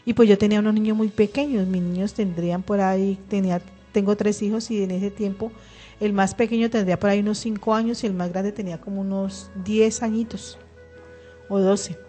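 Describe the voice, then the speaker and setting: A middle-aged woman tells her faith testimony in a radio studio, her voice warm and mellow. She speaks earnestly and with feeling, often restarting her words. Soft music plays faintly behind her. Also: medium pitch. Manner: emotional, earnest, with frequent restarts. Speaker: radio program co-host. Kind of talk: personal religious testimony on radio.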